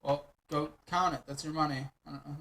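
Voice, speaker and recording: A man's voice: on the high side, steady tone, a little fast, sharp tone, rough recording. A man reacting to a viral video in casual, blunt commentary, sarcastic and swearing freely.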